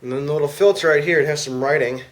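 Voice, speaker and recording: A man's voice: on the high side, rapid-fire. A man giving a casual, slangy product demonstration as an amateur reviewer. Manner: informal, slangy. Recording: clear background noise.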